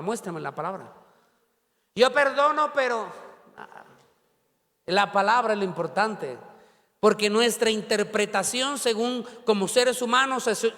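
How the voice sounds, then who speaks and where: High-voiced pastor preaching in a hall. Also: male voice, a bit bright. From Ecuador. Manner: preaching with call-and-response prompts to the congregation. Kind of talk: sermon. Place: church. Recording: long reverb of a church hall.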